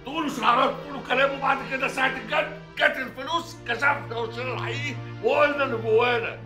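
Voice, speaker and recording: A man's voice: very high voice, rapid-fire, roomy sound, music in the background. An actor playing a stubborn, proud middle-aged Egyptian father, arguing heatedly and sarcastically with his family. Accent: Egyptian Arabic. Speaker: father of four daughters. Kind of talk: TV drama acting.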